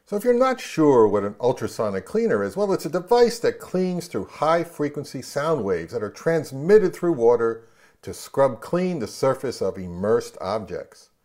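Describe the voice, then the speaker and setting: The host, a man in his fifties who collects records, has a medium-pitched, slightly mellow voice with big swings in pitch, speaking at normal speed. His casual, offhand style suits a home product review vlog shot indoors in his living room and kitchen.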